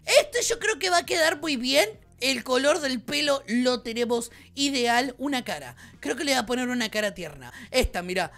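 A high-pitched woman with a Rioplatense Argentine accent hosts a gaming channel. She gives bubbly, excitable play-by-play and keeps shrieking and laughing, and her pitch swings up and down all the time. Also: moderate pace, hardly any pauses. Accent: Rioplatense Argentine Spanish. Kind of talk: excited gameplay commentary.

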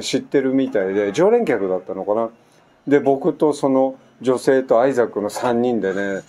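This Japanese vlogger in his sixties tells a casual, chatty story packed with asides, his medium-pitched voice full of lively intonation. He's at home on an island near a construction site, and faint construction noise sits in the background.

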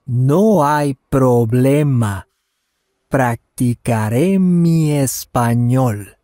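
A man with a medium-pitched, dark voice, recorded in a dry studio, voices a polite, friendly Canadian traveler practicing Spanish in a scripted language lesson. Working as a voice actor for lesson dialogues, he enunciates deliberately, saying each phrase slowly and then again at normal speed.

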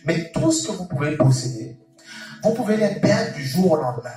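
A man preaching with fervour, his fairly high voice leaping up and down as he repeats phrases and calls out alleluia. He is heard from a distance in a very echoey church hall, with music playing clearly behind him. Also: big pitch swings, normal speed. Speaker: pastor. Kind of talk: sermon.

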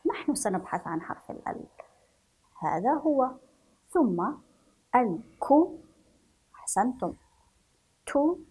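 A woman teaching a children's reading lesson, slowly sounding out each letter and syllable. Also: medium pitch, big pitch swings, dark tone, breathy edge, low-quality recording. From Yemen. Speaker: primary school teacher.

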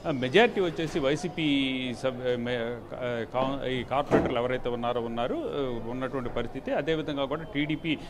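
A man in his thirties giving a live news report from a council hall on a handheld mic, halting, with many fillers and restarts. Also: medium pitch. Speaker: field reporter. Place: council hall with a crowd around. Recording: noisy live report with crowd behind.

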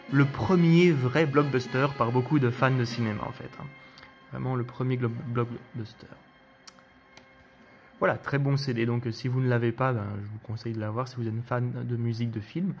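A man hosting a casual spoken review of his collection, relaxed and hesitant, with frequent fillers and restarts. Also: medium pitch.

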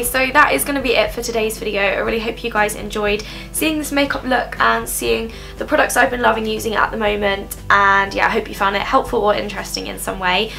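A young adult woman, a beauty vlogger, chats and rambles through a makeup tutorial from her bedroom, saying "um" a lot and sounding slightly nasal with a cold. Her voice is a little high, creaky and sharp in tone, recorded close up by a camera in front.

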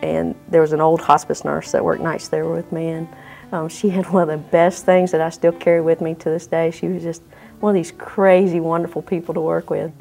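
A woman nurse tells a personal story reflectively and with some halting. Her voice is low and creaky, staying very level, with faint guitar behind. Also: flat delivery, warm tone. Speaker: hospice nurse.

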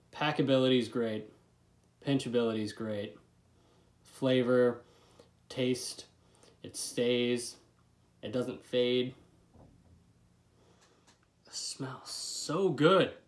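A young man in his twenties giving a casual, laid-back vlog review with a lip full of dip, recorded at a desk in a bedroom. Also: mid-range voice. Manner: laid-back, swearing freely. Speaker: product reviewer. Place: small bedroom, indoors.

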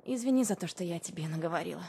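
Актриса озвучивает в игре молодую журналистку, которая искренне и нежно мирится с любимым. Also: female voice, fairly low pitch, lively intonation, racing, vocal fry, a little hiss or hum. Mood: tender. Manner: heartfelt, apologetic and warm toward a partner. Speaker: companion character. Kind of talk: video game voice dubbing.

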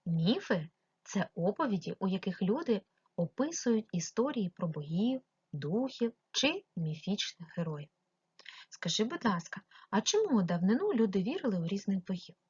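Ukrainian-accented woman teaching kids remotely; husky, patient, clear stress, dull recording. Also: medium pitch, very animated, darkish tone, no room sound. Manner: slow, clearly stressed, addresses the child directly. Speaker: primary school teacher. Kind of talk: remote lesson for young pupils.

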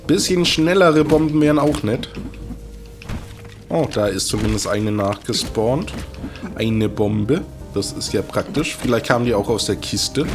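A man giving casual gameplay commentary, making dry, wry asides to the viewers. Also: mid-range voice. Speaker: let's play host.

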